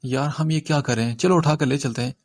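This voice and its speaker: Reading an audiobook, a man with a mid-range, near-everyday voice plays a young street thug. The character wheedles at first, then turns frightened, whispering nervously to his friend.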